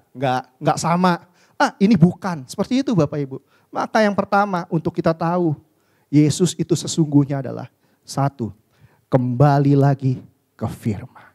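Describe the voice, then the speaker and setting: A man preaching a sermon in a church, constantly addressing the congregation and asking them rhetorical questions, with his voice jumping from loud, high emphasis to low, quiet asides. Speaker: pastor.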